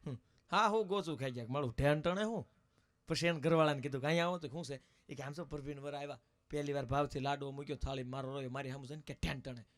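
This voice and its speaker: Folk comic, male, high and bright, brisk anecdotal jokes. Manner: brisk anecdotal joke-telling. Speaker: folk comedian. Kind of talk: live folk comedy storytelling.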